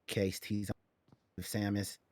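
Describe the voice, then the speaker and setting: A man's voice: lowish voice, monotone, slow, a little mellow. A man casting a tournament as a host, doing play-by-play commentary with laid-back banter between calls. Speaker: esports caster.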